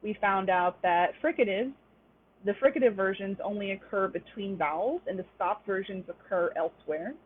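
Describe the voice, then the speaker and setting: A woman's voice: mid-range voice, moderate pace, a little hiss or hum. Woman lecturing over tinny webinar audio. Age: young adult. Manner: explanatory, frequent "um" fillers. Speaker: webinar instructor. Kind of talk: online lecture.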